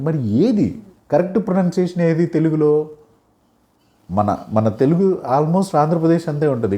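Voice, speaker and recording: A man's voice: fairly high pitch, dark tone. A middle-aged man, teaching an English lesson in a classroom style, explaining with examples and often checking that listeners follow.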